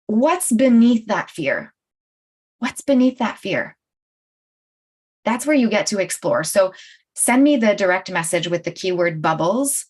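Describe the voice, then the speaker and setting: Chatty woman coach who laughs often. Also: on the low side. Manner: laughs often, chatty, talks straight to viewers. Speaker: life coach and show host. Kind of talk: live-streamed coaching talk.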